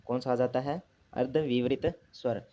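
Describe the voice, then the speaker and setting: A man's voice: mid-range voice, fairly even intonation, moderate pace, dark tone, slight background noise. A man teaching a grammar lesson, asking himself questions and repeating the key terms. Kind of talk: classroom lesson explanation.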